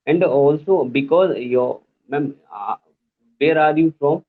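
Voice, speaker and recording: A man in his twenties with an Indian English accent, halting through a conversation practice as an English learner. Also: a little high. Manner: hesitant, halting, many fillers and restarts. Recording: tinny phone-line call audio.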